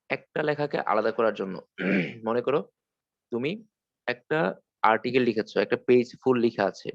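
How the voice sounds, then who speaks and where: Fast-talking male teacher, dull call audio. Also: mid-range voice, vocal fry, dry recording. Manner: quick, explanatory, asks and answers own questions. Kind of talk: online class lecture. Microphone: computer mic on a video call.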